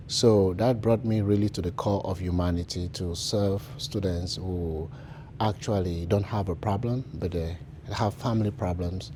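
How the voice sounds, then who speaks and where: A man from Cameroon, a seminarian, telling his vocation story in an earnest, reflective way with frequent pauses and fillers. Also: low voice, mellow, a little hiss or hum. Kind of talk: personal vocation testimony.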